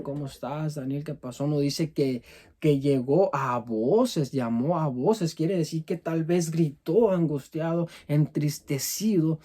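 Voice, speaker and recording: A man's voice: a little high, dark tone. A man with a Latin American Spanish accent preaching a sermon in an earnest manner, reading scripture aloud and often repeating words as he goes.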